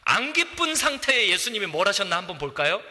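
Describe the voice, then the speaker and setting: A middle-aged man preaching a sermon as a pastor in a church, animated, acting out voices and shouting at times. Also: high-pitched, fast. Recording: long church reverb.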